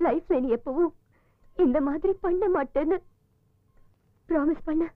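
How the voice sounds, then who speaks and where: In a Tamil film drama, an actress plays an emotional young woman torn between two men pursuing her, scolding and pleading in an upset voice. Her voice is high-pitched and unhurried, recorded dry. The audio is tinny, lo-fi film sound with the film score playing in the background.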